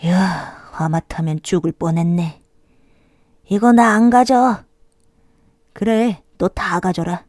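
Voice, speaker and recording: A woman voicing stubborn, squabbling little monkeys in a children's story, animated as if reading to a toddler. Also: lowish voice, takes it slowly, pauses often, no echo, studio quality. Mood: startled, fed up.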